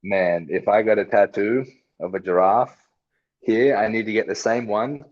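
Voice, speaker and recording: A man's voice: fairly low pitch, steady tone, moderate pace, muffled recording. A man, a professional fighter talking casually as an interview guest, laid-back and swearing now and then. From Australia.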